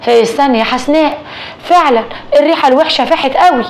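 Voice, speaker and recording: A woman voicing a calm, practical Egyptian husband in a told story, speaking steadily in a slightly lowered voice. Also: fast talker. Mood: steady. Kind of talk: storytelling dialogue.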